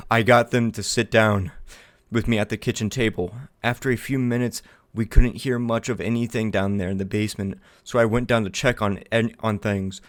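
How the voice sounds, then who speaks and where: Low-voiced man doing let's play commentary. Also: dry recording, studio quality. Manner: casual and profane, reacts out loud while playing. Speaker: gamer playing a horror game. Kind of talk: let's play commentary, reading game text aloud.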